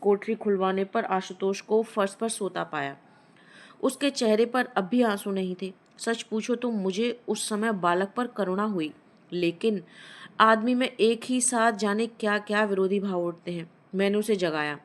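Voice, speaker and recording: A woman storyteller reading a Hindi short story aloud in a measured, expressive narration. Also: mid-range voice.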